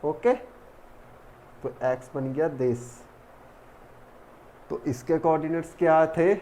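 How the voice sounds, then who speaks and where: A man's voice: fairly high pitch, very slow, mellow, a little hiss or hum. A man teaching a math lesson step by step, counting terms aloud as he works. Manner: talks while working, counts terms aloud. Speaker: math tutor.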